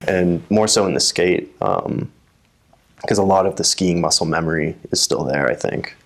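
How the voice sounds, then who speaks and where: A man's voice: deep voice, normal speed. A young man from the USA talking casually as an interview guest, often restarting and repeating words. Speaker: guest, telemark ski racer.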